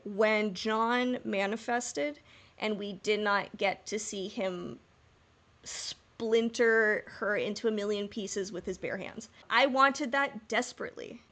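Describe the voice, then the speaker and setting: A mid-range, slightly bright female voice belongs to a podcast co-host chatting casually as a fan. Her manner is candid and emphatic, with a casual curse here and there.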